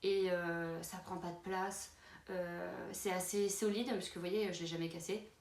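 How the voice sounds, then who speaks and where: A woman's voice: lowish voice, fairly even intonation, a little slow, darkish tone. Chatty woman vlogger in a roomy space. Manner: chatty, many fillers and restarts. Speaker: beauty vlogger. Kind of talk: casual product walkthrough. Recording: roomy with faint background noise.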